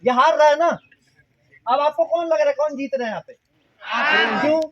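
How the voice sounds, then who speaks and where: A man's voice: very high voice, brisk, highs cut off, noisy background. A man leading a mind-power workshop for school students, talking playfully and quizzing the audience with questions. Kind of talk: interactive talk to school students.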